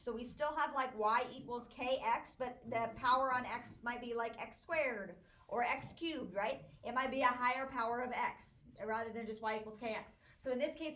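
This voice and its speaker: A woman math teacher lecturing a classroom, walking through problems step by step and hushing her students. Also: fairly high pitch. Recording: echoey classroom recording.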